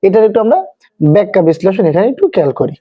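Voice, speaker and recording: A Bangladeshi man with a fairly high voice gives a methodical grammar lecture, explaining each term with examples before summing up. The sound is narrow and tinny, as if it were heard over a phone line. His delivery is that of a patient classroom teacher. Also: lively intonation, very fast, husky. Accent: Bangladeshi Bengali.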